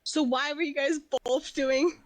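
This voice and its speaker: A woman's voice: high-pitched, fairly even intonation, unhurried, dry recording, low-quality recording. A woman co-hosting a podcast, telling anecdotes in casual chat and laughing often. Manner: laughs often, chatty storytelling. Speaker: podcast co-host.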